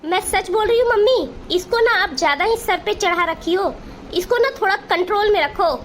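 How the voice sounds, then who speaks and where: A woman's voice: very high-pitched, a little hiss or hum. A woman voicing a spoiled young sister-in-law in a Hindi cartoon, whiny and demanding. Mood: accusing. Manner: whiny, demanding, quick to accuse.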